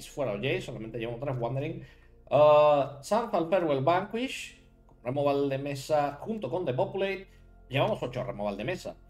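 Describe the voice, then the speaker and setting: A Spanish-accented man from Spain, with a mid-range, darkish voice, chats casually on a live stream as he builds a card deck. He's talkative, thinks out loud, and greets chat viewers by name.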